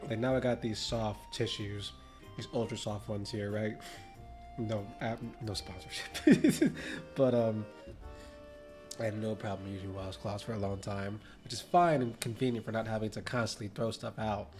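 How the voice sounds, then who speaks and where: A man's voice: fairly low pitch, steady tone, moderate pace, a little mellow, faint music behind. A man with a stuffy nose, chatting casually and mocking himself while playing a game on a stream. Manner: rambling, self-mocking, chatty. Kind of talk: casual let's-play commentary.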